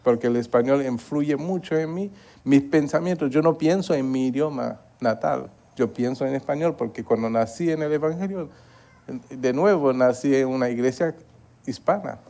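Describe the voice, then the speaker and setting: A man from Haiti with a dark, medium-pitched voice preaches a church Bible study at a moderate pace. He speaks earnestly, repeating himself and often asking the congregation for agreement.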